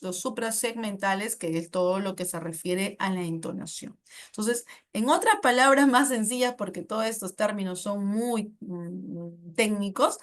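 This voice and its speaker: A woman's voice: medium pitch, a bit bright. A woman with a Peruvian Spanish accent explains exam answers as a teacher, patiently, with frequent tag questions and self-corrections.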